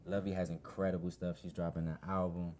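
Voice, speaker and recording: A very deep-voiced man from DC chats as a guest artist on a radio show. He speaks with an easygoing, laid-back manner, with faint noise behind him. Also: level tone, fast. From Washington DC. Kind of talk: casual studio chat.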